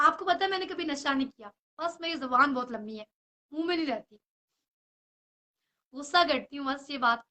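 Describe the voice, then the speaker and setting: A woman's voice: sits high, bright, forceful tone. A young woman, an actress, talking straight to the camera in a rambling, apologetic way, with headphones on and English phrases mixed in. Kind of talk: emotional personal address to camera.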